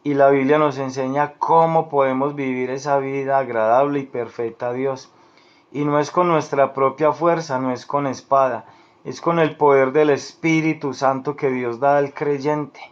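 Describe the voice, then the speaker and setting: A man's voice: mid-range voice, fairly even intonation, normal speed. A man preaching a sermon in an earnest, repetitive way, speaking directly to the listener as a beloved friend. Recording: dull lo-fi recording.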